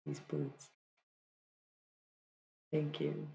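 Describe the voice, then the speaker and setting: Woman in her 30s rambling to her stream chat, lots of "like" and "bro", gravelly fry. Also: sits low, completely flat delivery, drawn-out words, warm tone, slight background noise, poor audio. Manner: rambling and chatty, full of "like" and "bro". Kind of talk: casual chat to live viewers.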